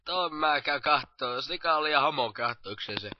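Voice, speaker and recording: A man's voice: on the high side, lively intonation, no echo. Rowdy, mocking man on a lo-fi mic. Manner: rowdy, mocking, shouts insults. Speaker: amateur comedy voice actor. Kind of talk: improvised crude comedy banter.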